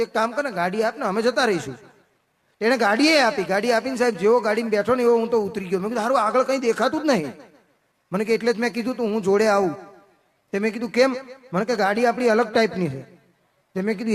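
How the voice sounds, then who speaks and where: A man performing folk comedy on stage. He tells jokes as dialogues and drops lower and softer for his own replies. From Gujarat, India. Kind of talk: live folk comedy storytelling. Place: outdoor festival stage.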